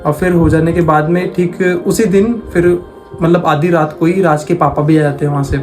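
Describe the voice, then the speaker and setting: A man's voice: fairly high pitch, steady tone, normal speed, darkish tone, faint music behind. A man casually telling a horror story, talking in a conversational way and repeating phrases for emphasis.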